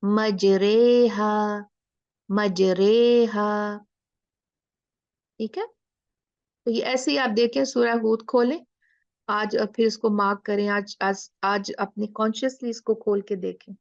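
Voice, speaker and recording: A woman teaching a Quran recitation lesson, drawing out the letter sounds slowly as she demonstrates them. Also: a little high, fairly even intonation, creaky, dry recording. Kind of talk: explaining a lesson. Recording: dull lo-fi recording.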